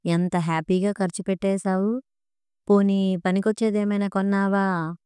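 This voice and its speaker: A woman's voice: mid-range voice, little pitch movement, normal speed, clear, resonant tone, dry recording, clean studio sound, close to an everyday voice. A woman reading the part of an angry, mocking husband in a storybook narration. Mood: scornful. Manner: shouting, mocking. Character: angry scornful husband, a clerk.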